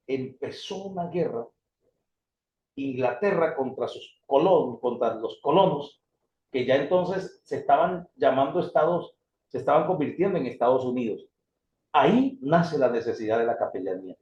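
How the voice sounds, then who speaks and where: A man teaches a theology history class, calling his students "brothers" while his mid-range voice rises and falls in lively swings as he explains. He speaks at a normal speed, and the recording sounds dull and lo-fi, with an echoey room.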